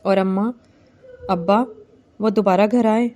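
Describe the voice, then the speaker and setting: Timid young bride read by a woman, soft, pleading, mellow tone, storybook reading. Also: medium pitch, steady tone, lightly acted. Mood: gentle. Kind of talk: novel reading.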